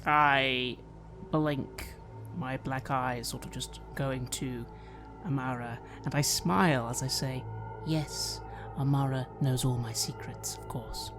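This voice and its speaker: A woman with an unusually deep voice speaks softly in character, sly and understated. Gentle music sits behind her. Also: steady tone, slow pace. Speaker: player. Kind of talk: in-character tabletop role-play.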